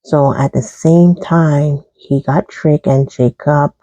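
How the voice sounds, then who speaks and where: Gravelly, chatty chaplain retelling Bible stories. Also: medium pitch, steady tone, takes it slowly, warm tone, no room sound, rough recording. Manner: chatty, digressive, with chuckles and asides. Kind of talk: casual Bible storytelling.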